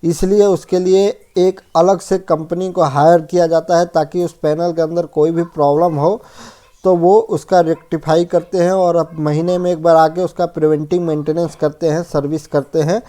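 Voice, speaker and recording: In an informal technical lesson, a male fire safety instructor explains checklist items, frequently rewording and defining terms as he goes. His voice is a little high and dark, with little pitch movement, and he talks at normal speed.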